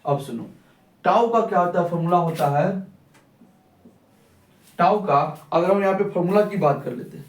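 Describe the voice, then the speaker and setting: A man's voice: high-pitched, normal speed, pauses often. A young man teaching a physics class, who keeps asking questions and answering them himself. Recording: echoey room, mic at a distance.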